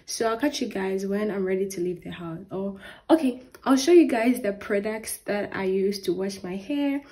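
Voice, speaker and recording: A woman's voice: mid-range voice, moderate pace, mellow. A young woman from Ghana chatting casually to camera in a vlog, upbeat and chatty, filling with "yeah" and "like", filmed on a phone held at arm's length in a small bedroom. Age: young adult. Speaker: vlogger.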